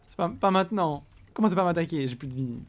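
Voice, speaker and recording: A man streaming himself playing a video game, excitable and swinging from loud exclamations to muttering. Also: a little high, fast, soft background music. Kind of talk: live gameplay commentary.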